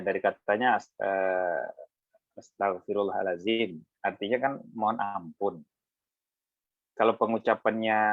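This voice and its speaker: Low-voiced man moderating over a thin, tinny video call, unhurried and hesitant. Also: dry recording. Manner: slow and hesitant, with fillers. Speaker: moderator of the study session. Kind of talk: casual religious discussion.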